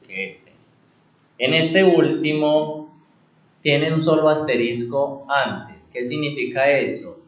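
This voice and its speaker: A male instructor teaching a computer class, asking rhetorical questions and answering them himself, repeating key words and slowing down on them for emphasis. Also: on the high side, fairly even intonation, roomy sound, rough recording.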